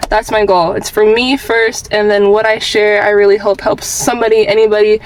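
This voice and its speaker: A fairly quick, medium-pitched woman with a level tone gives candid personal advice in a vlog, captured on a low-quality recording. She's twenty, and her delivery is informal, rambling and earnest, repeating phrases for emphasis.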